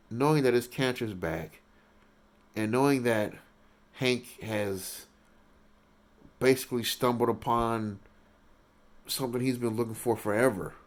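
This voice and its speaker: A man giving casual, rambling commentary on a TV episode, halting and restarting his sentences and getting excited at big moments. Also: medium pitch. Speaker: reaction video host.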